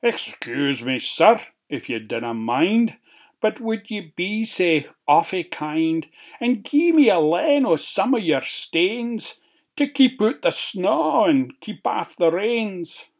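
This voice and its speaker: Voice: mid-range voice, very animated, slow, pitched above the performer's own voice, exaggerated voice. A narrator voicing a grumpy, cocky little pig in a Scottish storybook tale, talking back defiantly. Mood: polite. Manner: defiant and cheeky.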